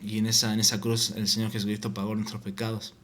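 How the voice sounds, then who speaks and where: A man giving an informal Bible teaching, reading scripture aloud and often halting and repeating words. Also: lowish voice, level tone, fairly bright tone. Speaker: preacher.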